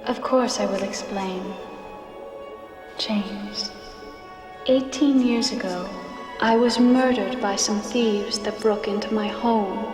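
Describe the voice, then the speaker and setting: A woman playing the gentle, sorrowful ghost of a noblewoman in a video game, speaking solemnly and formally. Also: medium pitch, fairly even intonation, slow pace, long pauses, close to an everyday voice. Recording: echoing long reverb under loud music.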